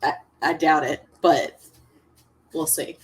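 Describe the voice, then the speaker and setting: A woman's voice: low voice, steady tone, slow, a little hiss or hum, rough recording. A woman joining a movie reaction over a video call, making dry, mocking remarks. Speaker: co-host guest.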